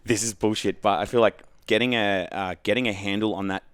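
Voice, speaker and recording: A man's voice: fairly low pitch, brisk, clear, resonant tone, no room sound. A young adult man with an Australian accent, a podcast guest chatting casually in a rambling, self-interrupting way. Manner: rambling, self-interrupting, animated when recalling matches. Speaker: podcast guest, competitive gamer. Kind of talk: casual conversation.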